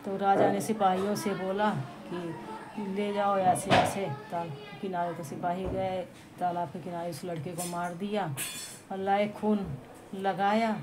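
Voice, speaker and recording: A woman casually telling a devotional folk tale to listeners around her, in a chatty, halting way with restarts and asides. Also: mid-range voice, level tone, over loud music. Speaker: storyteller. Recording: home recording with clear background noise.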